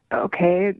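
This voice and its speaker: A woman heard over the phone on a radio show, answering questions in a hesitant, guarded way. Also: no room sound. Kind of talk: casual phone conversation. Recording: narrow tinny phone line.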